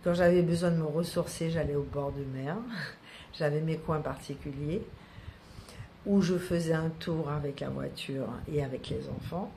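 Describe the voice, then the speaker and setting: A wellness practitioner from French Guiana speaks in a deep, low voice. She talks casually to her viewers, full of hesitations and repeated words. A faint hiss sits under the recording. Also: warm tone. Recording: faint background noise.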